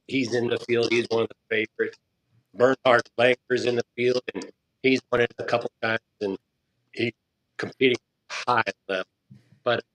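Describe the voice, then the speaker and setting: A man's voice: mid-range voice, a bit bright. A man, a golf coach, talking easily as an interview guest over a phone whose audio keeps cutting in and out. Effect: audio cutting in and out, crackly.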